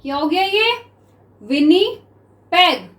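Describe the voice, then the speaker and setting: This is a slow-dictation shorthand lesson led by a woman with an Indian accent, whose high voice carries lively intonation at a moderate speed. Her manner is that of a coach: she keeps asking "clear?", keeps addressing her "students," and reads sentences aloud to be taken down.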